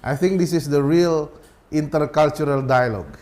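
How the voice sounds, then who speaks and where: A man speaking through a face mask, giving a semi-formal welcome speech as an ambassador, halting with pauses mid-phrase. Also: on the high side, darkish tone. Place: small crowded indoor room.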